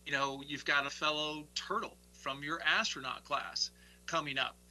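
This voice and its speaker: A man interviewing for a launch broadcast, conversational, phrasing his questions in a halting way. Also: on the high side, steady tone, sharp tone, low-quality recording. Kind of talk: live interview over a space link.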